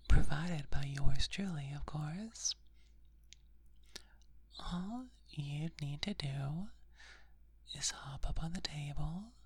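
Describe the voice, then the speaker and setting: Woman whispering softly, very slow. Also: sits low, no echo. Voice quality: soft breathy whisper. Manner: slow, soothing, attentive. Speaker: ASMR performer. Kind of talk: whispered ASMR roleplay. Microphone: close sensitive microphone.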